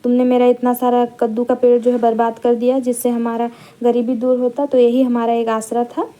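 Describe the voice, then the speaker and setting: A woman's voice: on the high side, completely flat delivery, normal speed, mellow, lightly acted. A woman reading the part of a poor village boy who scolds a rat, in a lesson. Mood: scolding.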